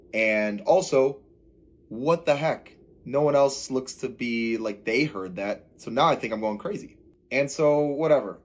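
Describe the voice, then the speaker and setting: Young man casually telling a faith story. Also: medium pitch. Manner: casual, earnest, animated retelling with slang. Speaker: faith vlogger. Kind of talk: personal testimony storytelling.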